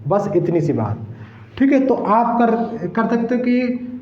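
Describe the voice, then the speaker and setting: A man's voice: very high-pitched, lively intonation, takes it slowly, slight background noise. A man teaching an exam-prep lesson. He checks often that students follow, repeats key terms, and sounds out syllables one by one. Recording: echoey dull room recording.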